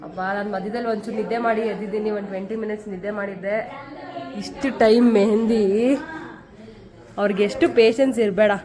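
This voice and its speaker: A woman's voice: medium pitch, fairly even intonation, moderate pace, crowd noise. A young woman chatting casually for her vlog in a family home, laughing often and putting questions to the people around her. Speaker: vlogger. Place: family home at an engagement function.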